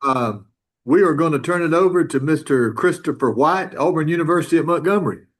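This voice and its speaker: A man's voice: on the high side, fairly quick. A man chairing a hearing, moderating informally and taking questions.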